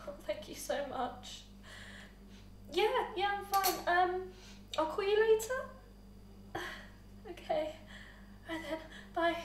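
A woman's voice: very high-pitched, lively intonation, normal speed. A young actress playing an anxious, vulnerable woman abused by her boyfriend in a naturalistic short film. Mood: subdued, strained politeness. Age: young adult. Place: indoors in rooms of a house. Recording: roomy, distant mic, faint noise.

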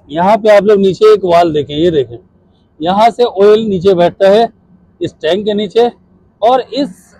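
A man's voice: high-pitched, mellow, dry recording, rough recording. Man explaining a chiller outdoors. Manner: explains step by step, pointing at parts. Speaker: HVAC instructor. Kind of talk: hands-on technical explanation. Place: outdoors on a rooftop beside a chiller unit. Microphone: phone camera held by a helper.

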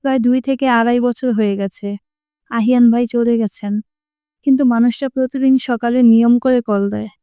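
A woman narrating a story in an even, soft-spoken reading voice, lightly voicing the characters. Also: a little high, moderate pace, clean tone, dry recording, dull audio. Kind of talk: audiobook narration.

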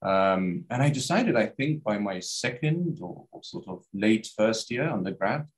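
Here the guest scholar, a man in his thirties from Iraq, sounds lowish and unhurried with lively intonation. He's on a webcam video call from a study with bookshelves, being interviewed, and hesitates with plenty of fillers and restarts.

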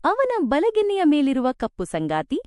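A patient elderly mother-in-law, put on by a woman narrator, speaking softly and soothingly, her voice lifted and lively. A close, dry storybook reading. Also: sits high, normal speed, no echo, pitched above the performer's own voice. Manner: soft, soothing.

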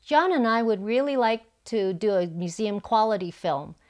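A woman in her sixties from Hong Kong, an artist telling her story calmly in an interview on a lapel mic. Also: medium pitch. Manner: calm, measured storytelling. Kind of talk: documentary interview. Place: living room, indoors.

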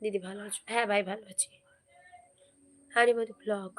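Hoarse woman chatting on a live stream. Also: medium pitch, little pitch movement, fairly quick. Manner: chatty, keeps urging viewers to comment and subscribe. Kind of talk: casual live-stream chat.

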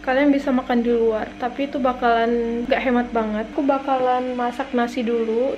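A woman's voice: fairly high pitch, lo-fi sound, a little hiss or hum. A woman in her early twenties from Indonesia, chatting casually to viewers while cooking in a small apartment kitchen, filmed on a camera held at arm's length. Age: early 20s. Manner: chatty, addresses viewers as guys. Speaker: vlogger. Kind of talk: casual vlog chat. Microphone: handheld camera at arm's length.

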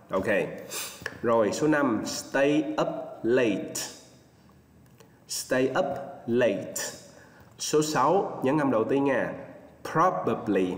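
A male teacher with a Vietnamese accent giving an online English lesson, drilling pronunciation and repeating words slowly for his students. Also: medium pitch. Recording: echoey room with long reverb.

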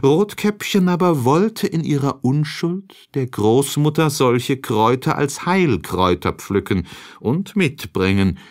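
A man reading a fairy tale aloud as narrator, slowly and expressively. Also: medium pitch, animated, a little mellow. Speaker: reader.

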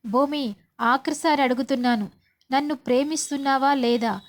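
A woman voicing a lovestruck young man who pleads and declares his love loudly. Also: high-pitched, normal speed, lightly acted. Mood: pleading.

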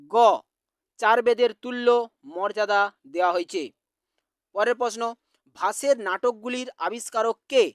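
A teacher from West Bengal slowly reading out exam quiz answers, repeating each question. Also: mid-range voice, a bit bright, no room sound, clean studio sound.

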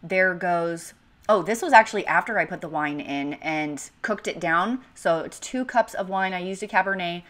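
A woman's voice: on the low side, normal speed, fairly bright tone. A woman in her thirties from the United States, hosting a home cooking channel in a chatty, upbeat voice-over with casual asides. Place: home kitchen.

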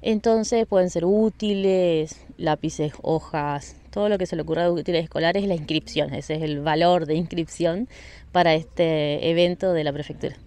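Here an event organizer from Argentina is stopped for a street interview on a riverside beach, answering amiably and slowly into the interviewer's handheld mic. She fills her speech with fillers, restarts, and repeated words, and her low voice carries a darkish tone.

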